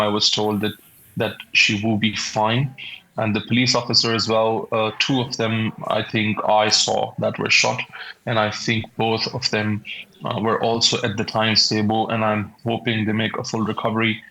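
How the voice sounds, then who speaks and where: A man in his twenties with a Pakistani accent, giving a shaken, halting eyewitness account in an interview. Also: on the low side, sharp tone, low-quality recording. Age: 20s. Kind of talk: interview account of a traumatic event.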